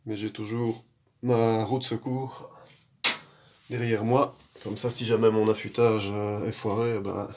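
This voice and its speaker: A man giving relaxed, rambling commentary while demonstrating a shave, with many fillers and self-mocking asides. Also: on the low side, unhurried, background noise. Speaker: shaving vlogger. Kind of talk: casual how-to commentary.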